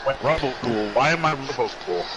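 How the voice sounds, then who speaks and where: A man's voice: mid-range voice, brisk, over loud music, low-quality recording. A man on a voice call as stream co-host, chatting casually and laid-back, his voice robotic and warbling from the bad connection. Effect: robotic, warbling voice-call audio. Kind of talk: casual gaming chat.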